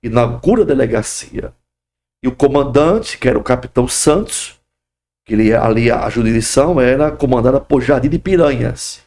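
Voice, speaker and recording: Middle-aged pastor, gravelly voice, fervent, breaks into praise shouts mid-story. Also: male voice, mid-range voice, expressive, moderate pace. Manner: fervent, bursts of "glória" and "aleluia". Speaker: pastor, podcast guest. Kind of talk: testimony in a podcast interview.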